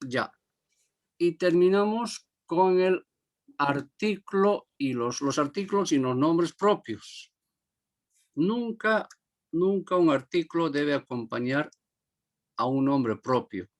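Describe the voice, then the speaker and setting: A man's voice: a little high, takes it slowly. A man teaching a grammar lesson to a class, repeating each example word and asking if everyone understood.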